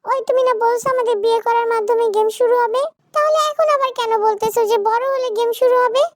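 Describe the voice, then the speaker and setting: Woman voicing a pestering child bride, shrill, nagging, storybook style. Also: steady tone, fast talker, no room sound, studio quality. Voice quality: whiny, insistent questioning. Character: bratty little girl bride, naive and chatty.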